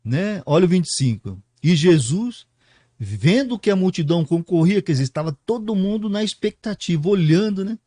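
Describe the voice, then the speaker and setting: Pastor explaining scripture, keeps asking né?, swoopy animated voice, dry close sound. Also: male voice, high voice, moderate pace, no echo. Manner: explains verse by verse with frequent "né?" tags and rhetorical questions. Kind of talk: sermon explaining a Bible passage.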